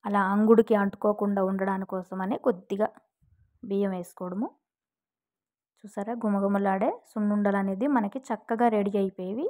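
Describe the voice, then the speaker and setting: A woman, explaining a recipe step by step to her viewers in a gentle, polite, casual way. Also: mid-range voice, level tone, brisk. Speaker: cooking vlogger. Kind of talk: casual cooking demonstration.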